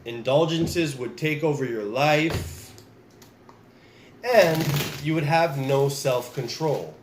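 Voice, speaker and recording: This man offers a relaxed tarot reading while recovering from the flu, addressing his viewers directly and frequently restarting or repeating phrases. His voice runs on the high side and he speaks slowly, in an echoey room with a noisy background.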